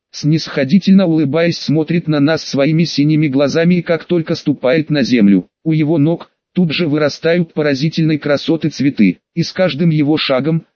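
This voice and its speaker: A man narrates an audiobook in the first person with an unhurried storytelling delivery. His voice sits a little higher than most men's. The recording is dry and slightly muffled. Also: dry recording. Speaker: audiobook reader.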